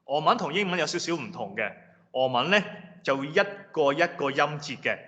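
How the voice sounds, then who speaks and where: A male language teacher gives a patient classroom lecture with a bright, forceful tone. He explains step by step and slowly repeats example words. His voice carries a long hall reverb. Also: mid-range voice, very animated. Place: lecture room. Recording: reverberant hall, dull lo-fi sound.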